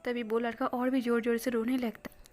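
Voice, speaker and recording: A woman reading a fan-fiction story aloud, her narration soft and often half-whispered. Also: on the high side, flat delivery, brisk.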